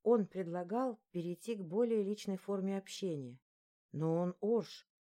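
A woman narrating a first-person romance audiobook in a soft, even storytelling voice. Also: medium pitch.

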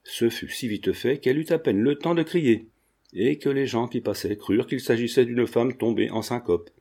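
A man reading a classic novel aloud as an audiobook narrator, with steady storytelling delivery. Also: mid-range voice, normal speed.

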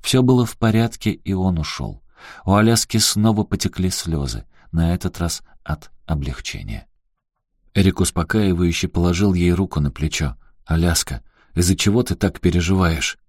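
A man reading a novel aloud as an audiobook narrator, in a measured, even way. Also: sits low, dry recording, studio quality. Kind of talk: scripted narration.

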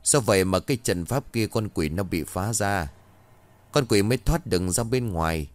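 A man voicing an old male village exorcist who explains things in a solemn, measured way. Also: on the low side, expressive, close to an everyday voice. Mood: grave.

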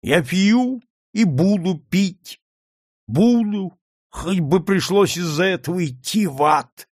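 A man voicing a bitter old woman who drinks, speaking in a slow, wailing, defiant way. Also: lowish voice, lively intonation, darkish tone, breathy edge, no room sound, studio quality, pitched above the performer's own voice, heavily acted. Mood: bitter despair.

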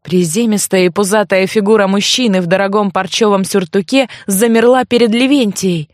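A woman narrating a fantasy novel in a measured storytelling voice. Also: medium pitch, steady tone, no room sound, studio quality. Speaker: audiobook narrator. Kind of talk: scripted fiction narration.

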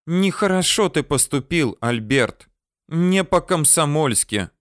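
A man's voice: a little high, animated, takes it slowly, a bit bright, no room sound, studio quality, voice pushed up. A man voicing a scolding young female student. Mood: reproachful. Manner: reproachful, rule-bound scolding.

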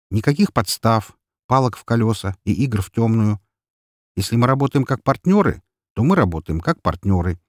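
A male audiobook reader voicing a calm, hard-bargaining male businessman who speaks in a measured, firm way, a bit higher than his narration. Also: dry recording, clean studio sound, close to an everyday voice.

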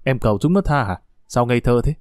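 A man's voice: medium pitch, lively intonation, fast talker, darkish tone, dry recording, studio quality, close to an everyday voice. A man voicing a cold, harsh fugitive husband who speaks curtly, in an audiobook. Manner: curt, harsh. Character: hard, cold grown man, fleeing collaborator.

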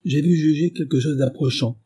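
A stern husband lectures his wife coldly and with sarcasm, as a man reading aloud puts him on. The voice is dark and husky, a little raised above the reader's own. He talks down to her. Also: fairly high pitch, moderate pace, voice pushed up. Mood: lecturing. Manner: lecturing, curt and condescending.

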